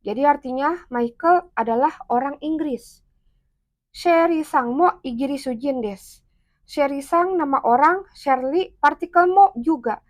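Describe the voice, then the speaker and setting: A woman's voice: high-pitched, a little slow. A woman teaching Japanese grammar, patiently going over each example word by word with its meaning. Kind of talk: explaining grammar step by step.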